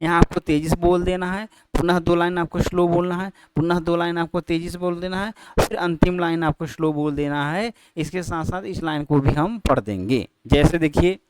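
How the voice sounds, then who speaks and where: A man teaching Sanskrit pronunciation in a slow, patient way, often checking with his students as he explains. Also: on the high side, background noise. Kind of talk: explaining, then singing sutras to a film tune.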